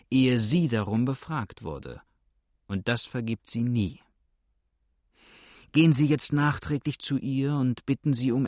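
A man voicing a shrewd innkeeper who speaks calmly, dryly and unhurriedly. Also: mid-range voice, dry recording, natural voice. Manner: calm, dry, unhurried. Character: calm shrewd older male innkeeper.

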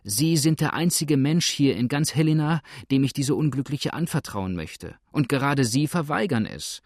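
A man's voice: mid-range voice, expressive, moderate pace, no echo, studio quality. A man voicing an earnest young boatsman who pleads urgently and desperately. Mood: pleading.

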